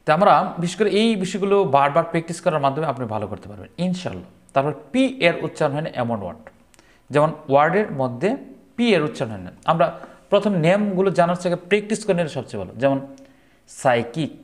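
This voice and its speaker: A man teaching English pronunciation, reading word lists slowly and repeating each word, often checking in with the listener. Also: on the high side, sing-song. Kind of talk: slow word-list pronunciation lesson.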